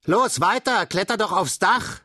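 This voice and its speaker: A man's voice: mid-range voice, animated, measured pace, fairly bright tone, slightly rough, no echo. A man voicing a bossy boy from a children's gang who cheers his friend on and snaps rudely at his sister, in a storybook reading. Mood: eager cheering. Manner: cheering, then hissing insults.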